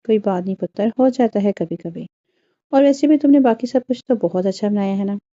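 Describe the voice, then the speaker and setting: A woman voicing a kind older female relative who gently reassures a young bride. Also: medium pitch, a little fast, muffled recording, natural voice. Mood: reassuring.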